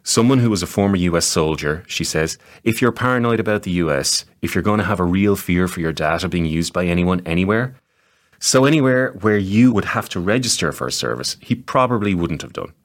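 A man giving measured, scripted narration as a documentary podcast reporter. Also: low voice, expressive.

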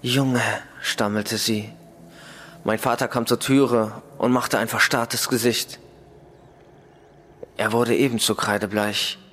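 A man reading a first-person ghost story in a slow, measured, dramatic way. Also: on the low side, little pitch movement, a bit bright, a little hiss or hum. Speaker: story reader.

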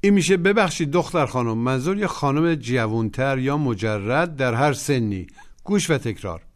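A man narrating a language lesson, giving clear instructive prompts for listeners to repeat. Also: mid-range voice, expressive. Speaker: language teacher.

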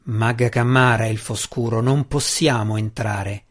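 A man voicing a cautious, gruff male deep gnome guard in an audiobook, speaking low and slow. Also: level tone, close to an everyday voice.

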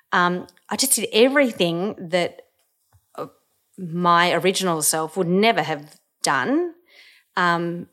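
A woman's voice: on the low side, fairly bright tone. A woman, candidly telling a personal story with casual swearing and fillers.

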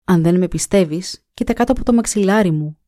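A woman's voice: on the low side, warm tone, no echo, studio quality, natural voice. A woman reading a folk tale aloud and voicing a bold, stubborn young man who gives curt, insistent commands. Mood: earnest. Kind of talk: storybook reading.

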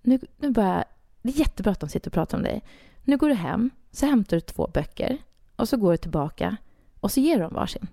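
A woman acting out a female friend who gives bold, emphatic advice in quick instructions. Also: medium pitch, expressive, creaky, dark tone, no echo, studio quality.

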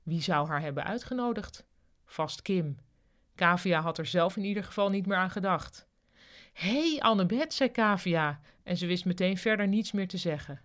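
Podcast reader, calm, plain storytelling, novel narration, studio mic. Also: mid-range voice, normal speed. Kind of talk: reading a novel chapter aloud. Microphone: studio microphone.

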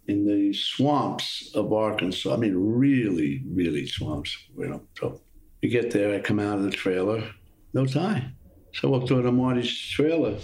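An older man with a lowish voice recounts old film-set stories in a loose, animated way. He jumps into the voices of the people he quotes and circles back through half-finished sentences. The recording has a roomy echo around him. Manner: animated storyteller, acts out quotes, trails off and restarts. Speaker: guest actor telling stories. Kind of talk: casual anecdotal chat.

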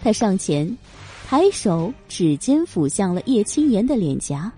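A woman narrating a romance novel audiobook with expressive storytelling. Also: medium pitch, measured pace, faint music behind.

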